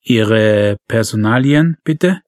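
A man voicing a hesitant rural male police officer who talks in a calm, placating way. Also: lowish voice, slow, no echo, clean studio sound.

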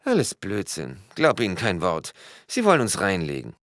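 A man's voice: low-pitched, huge pitch swings, moderate pace, fairly bright tone, dry recording, studio quality, voice pushed up, exaggerated voice. A man voicing a middle-aged woman who has just been arrested, defiant and agitated, in a read-aloud crime story. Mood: scornful. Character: woman in her middle years under arrest, defiant then shaken.

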